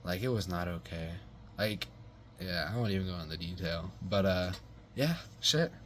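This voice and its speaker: Young guy kinda low voice, just rambling a story, swearing a ton and saying like every other word. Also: animated, normal speed, fairly bright tone, slight background noise. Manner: rambling and profane, heavy slang and fillers. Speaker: vlogger telling a personal story. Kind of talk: casual storytelling.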